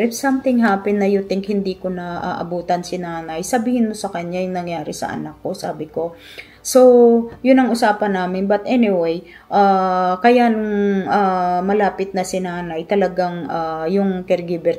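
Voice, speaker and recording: A middle-aged woman with a Filipino accent and a mellow, fairly low voice tells a personal story in her vlog. Emotional and reflective, she switches between Tagalog and English.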